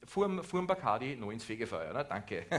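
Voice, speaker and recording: A man's voice: medium pitch, big pitch swings, normal speed, fairly bright tone. A man with an Austrian accent performing a sarcastic satirical monologue on a cabaret stage, ranting at the audience. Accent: Austrian German. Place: theater stage.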